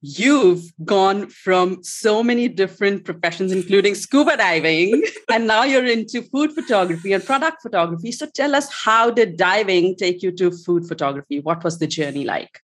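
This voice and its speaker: A woman's voice: mid-range voice, normal speed. A woman hosting a podcast interview, introducing her guest with eager, effusive praise. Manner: enthusiastic, effusive. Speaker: podcast host.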